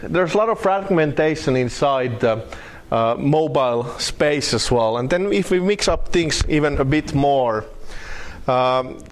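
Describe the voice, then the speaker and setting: A man from Finland with a Finnish accent, giving a technical conference talk with slides, wry and halting, with many fillers and restarts. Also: on the high side, expressive, slight background noise. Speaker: conference speaker.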